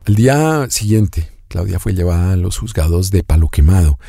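A man narrating a documentary in a measured, grave way and also putting questions to the interviewee. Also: sits low, lively intonation, vocal fry, warm tone, no echo.

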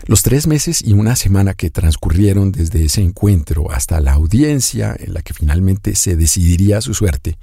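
A man narrating a documentary in a measured, grave way and also putting questions to the interviewee. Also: sits low, animated, gravelly, mellow, husky, dry recording, studio quality.

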